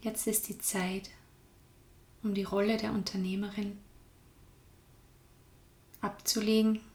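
A woman guiding a meditation in a calm, soft-spoken way, often sinking into a whisper. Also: mid-range voice, takes it slowly, reverberant. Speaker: meditation guide. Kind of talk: guided meditation.

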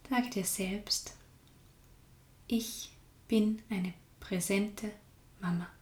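A woman guiding a meditation in a calm, soft-spoken way, often sinking into a whisper. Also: medium pitch, drawn-out words, roomy sound. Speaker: meditation guide. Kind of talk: guided meditation.

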